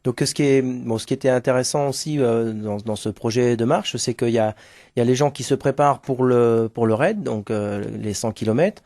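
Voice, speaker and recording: Un homme interviewé à la radio, qui parle spontanément en cherchant ses mots et en acquiesçant volontiers. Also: male voice, mid-range voice, fairly quick, darkish tone, no room sound, studio quality. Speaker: interview guest, school staff organising a charity walk team. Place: close dry radio microphone.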